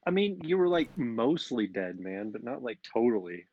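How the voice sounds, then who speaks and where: A man's voice: medium pitch, sing-song, normal speed, no echo. A man playing a tabletop game, rambling with lots of fillers in casual chat. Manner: rambling, lots of likes and ums. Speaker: player. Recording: dull lo-fi mic.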